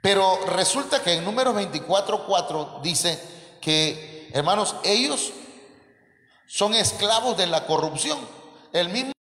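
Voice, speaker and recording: High-voiced Mexican preacher in echoey hall. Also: male voice, lively intonation, measured pace, pushed and bright. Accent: Mexican Spanish. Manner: addresses listeners as brothers, many rhetorical questions. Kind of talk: sermon. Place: church.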